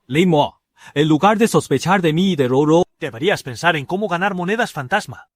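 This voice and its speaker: A man voicing an arrogant, excitable, money-hungry young man in an anime. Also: a little high, a little fast, no room sound, clean studio sound, natural voice. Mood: mocking.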